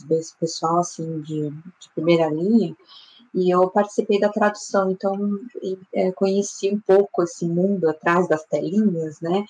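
A woman's voice: medium pitch, darkish tone, husky, rough recording. A woman with a Brazilian Portuguese accent speaking on a discussion panel, talking casually with many fillers and restarts.

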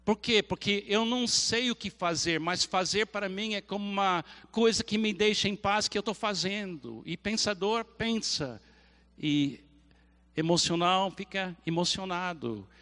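Casting: male pastor, high bright voice, lively storytelling sermon, long hall reverb. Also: measured pace. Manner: animated storytelling, acting out scenes.

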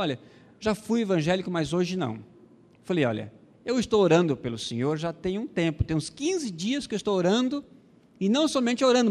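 A man from Brazil, a missionary pastor, telling a testimony in a sermon, acting out the dialogue with many pauses and fillers. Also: sits high, creaky, big-room sound.

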